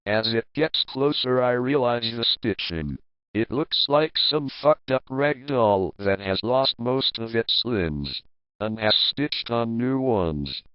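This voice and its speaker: A man reading a first-person horror story aloud in a slow, measured narration. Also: medium pitch, animated, smooth, no room sound, muffled recording.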